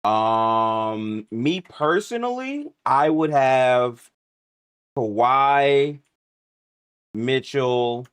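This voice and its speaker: A man hosting a casual group voice chat, running the picks in a relaxed, slangy way with plenty of "uh" and "um". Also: mid-range voice, drawn-out words, clean tone, no echo. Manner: laid-back, slangy, fills with "uh" and "um". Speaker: host running a group prediction draft.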